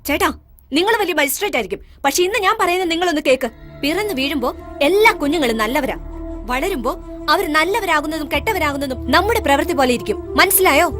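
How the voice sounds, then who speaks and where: A spirited mother who talks fast and high as she defends her son. She argues and pleads in turn. Loud film music runs under her lines. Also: lively intonation. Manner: argumentative, pleading. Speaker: mother and wife. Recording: film dub with music behind.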